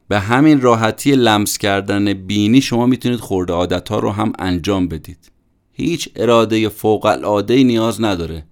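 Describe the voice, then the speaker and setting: Male podcast host, low gravelly voice, casual conversational book-summary read. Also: darkish tone. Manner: conversational, chatty retelling with colloquial asides.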